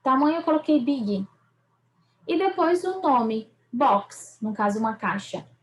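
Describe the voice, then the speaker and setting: A woman's voice: high voice, lively intonation, measured pace, a little hiss or hum, rough recording. A woman teacher, patiently going over a school English review and checking in with her students. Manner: patient, repeats and checks with "certo?" and "ok?".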